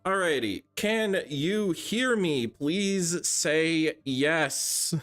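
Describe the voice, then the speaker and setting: Unhurried tired man chatting on stream. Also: on the high side, expressive, a bit bright, no echo, soft background music. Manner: chatty, thinks aloud while drawing. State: tired, voice a bit off. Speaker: art streamer. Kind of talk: casual live-stream chat.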